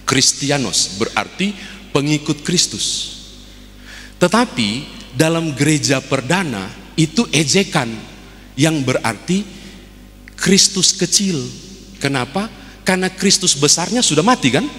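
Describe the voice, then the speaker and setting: A man's voice: a little high, lively intonation, measured pace, pauses often, a bit bright, long reverb tail. A man with a Manado accent, a pastor preaching a sermon and telling stories to his congregation. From Manado, Indonesia. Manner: storytelling preacher acting out a joke.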